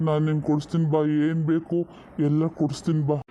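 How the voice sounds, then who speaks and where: A man's voice: on the high side, completely flat delivery, quick pace, warm tone, highs cut off, slight background noise, close to an everyday voice. A man voicing a stern but doting old grandfather, who scolds and then turns fond. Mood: fatherly.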